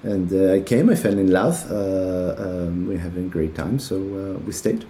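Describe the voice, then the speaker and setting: A middle-aged man from Israel speaks in a mellow, warm tone. He talks casually as a guest, stopping often with fillers and restarts. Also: low voice, moderate pace, a little hiss or hum. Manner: many hesitations and filler sounds. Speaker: guest, tech company executive. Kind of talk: casual interview talk.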